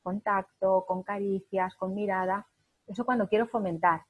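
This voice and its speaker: A woman's voice: medium pitch, fairly even intonation, normal speed, breathy edge. A woman parenting coach giving an emphatic spoken lesson, illustrating her points with short acted examples.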